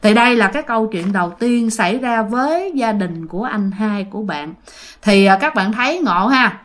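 A woman's voice: medium pitch, expressive, normal speed. A woman telling a ghost story in a casual, chatty way, speaking directly to her listeners.

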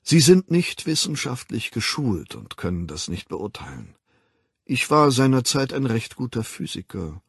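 A composed male ruler speaks in measured, ironic lecturing phrases, played by an audiobook reader. The voice is gravelly and a bit husky, with lively melody and a dry, close sound. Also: mid-range voice, no echo, pitched above the performer's own voice, full character voice. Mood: calm superior. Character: calm worldly male ruler, dry and superior.

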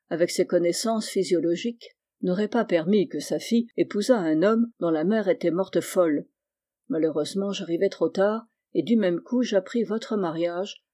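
A reader voicing a troubled young man who speaks earnestly and deliberately in an audiobook. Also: medium pitch, warm tone, natural voice. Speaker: character in a novel reading. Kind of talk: dramatic audiobook reading.

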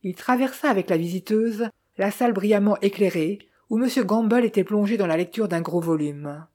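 A woman reads a novel aloud as its narrator, steady and measured. Her voice is mellow and warm, at an ordinary pitch. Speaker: audiobook narrator. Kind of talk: scripted narration.

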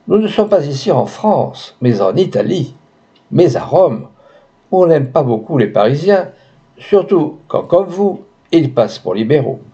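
A man's voice: on the high side, sing-song, a little slow, mellow. A man doing a cynical, haughty kept woman. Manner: cool, haughty, bargaining. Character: scheming cynical kept woman, young adult. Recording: dull lo-fi audiobook recording.

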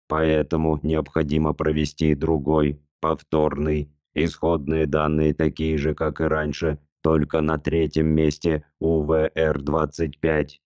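A man reading an audiobook, voicing a cold, relentless machine tester with a flat, metallic, mechanical voice and a slow, monotone delivery. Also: rumbling low, no room sound, clean studio sound, voice pushed down.

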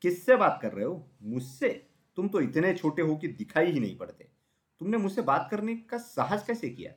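A man's voice: medium pitch, big pitch swings, moderate pace, natural voice. A man voicing a huge, arrogant male elephant in a children's story, proud and mocking.

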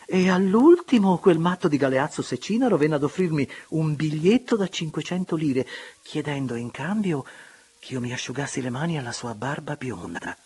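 A coquettish young noblewoman, as a male reader puts her on, her voice raised and lively. There is a husky grain under the high notes. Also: moderate pace.

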